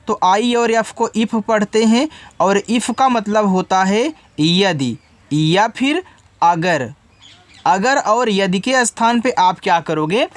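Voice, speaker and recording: A man's voice: sits high, no room sound. A man with a Hindi accent teaching English word by word, patient and repetitive, often asking a question and then answering it himself. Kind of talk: spoken lesson explaining word by word.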